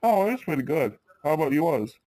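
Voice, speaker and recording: A man's voice: a little high, very animated, moderate pace, mellow, no room sound. A man voicing a polite young grandson in an improvised storytime.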